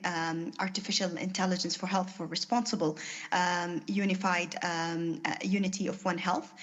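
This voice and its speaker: Halting woman presenting, dull lo-fi sound. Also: medium pitch. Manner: halting, many fillers. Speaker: panel speaker. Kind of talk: conference presentation. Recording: dull lo-fi audio.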